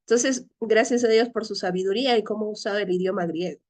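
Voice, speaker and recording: A woman's voice: medium pitch, fast talker. A woman teacher leading a Greek class, explaining patiently step by step and often checking with her students. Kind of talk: online class lecture.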